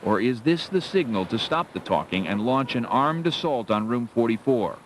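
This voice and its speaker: A man's voice: medium pitch, lively intonation, normal speed, a little hiss or hum. A man presenting a documentary with dramatic scripted narration.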